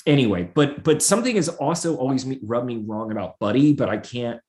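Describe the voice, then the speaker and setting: A man co-hosting a podcast, musing in a halting way with lots of fillers. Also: mid-range voice, expressive, darkish tone. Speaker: podcast co-host. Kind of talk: casual chat.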